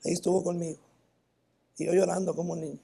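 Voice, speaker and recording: A man's voice: sits high, level tone, gravelly, warm tone, husky. A pastor with a northern Mexican accent preaching a sermon in church, often calling the congregation "brother" and restarting his phrases. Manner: repeats "hermano" often, halting restarts. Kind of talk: sermon with personal testimony.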